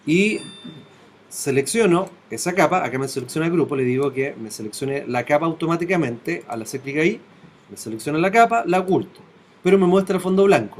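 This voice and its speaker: A man, teaching in a classroom. He takes the software one step at a time and often stops to ask whether his students are following. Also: fairly high pitch. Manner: talks step by step, checking in with students. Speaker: web design teacher.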